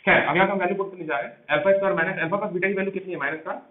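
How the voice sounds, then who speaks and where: A man's voice: high voice, steady tone. A man teaching math step by step for an exam, asking questions aloud and answering them himself. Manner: explains quickly, asks and answers his own questions. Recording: echoey room over a phone-like mic.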